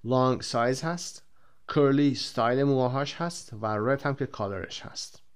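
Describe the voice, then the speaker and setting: A man with a Persian accent gives a recorded English lesson from a textbook. His voice sits at an ordinary middle pitch. He reads each example sentence slowly and distinctly, then moves quickly through his explanations. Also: smooth. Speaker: English teacher.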